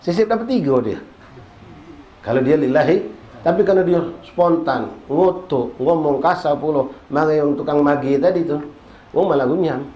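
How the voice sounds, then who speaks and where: A male preacher, giving a casual, storytelling religious study sermon and reciting Arabic verses slowly. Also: dull audio. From Indonesia. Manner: lively storytelling, acts out scenes with sudden high-pitched bursts. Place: prayer hall. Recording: echoey prayer hall with faint background noise.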